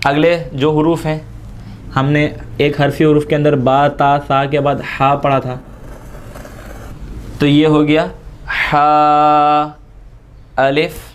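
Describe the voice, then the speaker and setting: A man's voice: a little high, clean tone. A man teaching Quran reading, patiently drawing out each letter sound between step-by-step explanations. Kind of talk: slow step-by-step recitation lesson.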